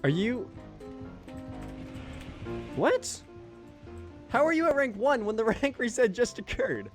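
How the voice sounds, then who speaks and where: Young guy streaming a game, swears a lot, voice a bit worn out, bouncy pitch, music under it. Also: very animated, slow. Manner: crude, swearing, self-mocking. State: losing his voice. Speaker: gaming YouTuber. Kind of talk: casual gameplay commentary.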